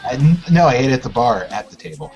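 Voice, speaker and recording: A man's voice: medium pitch, expressive, quick pace, darkish tone, dull audio, soft background music. A man in a casual podcast chat, laid-back and laughing along with his friends. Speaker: podcast guest.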